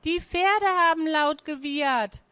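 A frightened young girl with a high, urgent voice, as a woman reads her. She speaks in a bright, rising pitch, breathless with worry. Storybook reading. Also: a little slow, no echo.

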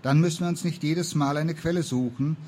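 A man's voice: on the high side, fairly quick, a little mellow, slight background noise, natural voice. A man reading the lines of a stern, dutiful young woman, a traveling apothecary in an old tale, in a firm, earnest manner. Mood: matter-of-fact.

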